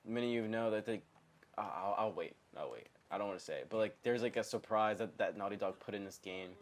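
A man's voice: lowish voice, fast talker. A young man co-hosting a casual let's-play, rambling and restarting his sentences, swearing freely. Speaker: gaming channel co-host.

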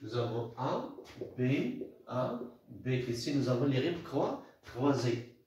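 A man teaching a literature lesson, halting and repeating words, counting syllables aloud. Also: medium pitch, very animated, a little mellow. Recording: very echoey room.

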